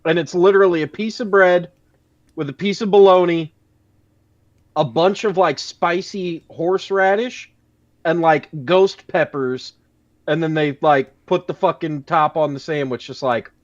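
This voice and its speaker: A man's voice: a little high, fairly even intonation, measured pace. A man co-hosting a casual podcast, dry and blunt, swearing as he tells a story. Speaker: podcast co-host. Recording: dull lo-fi mic.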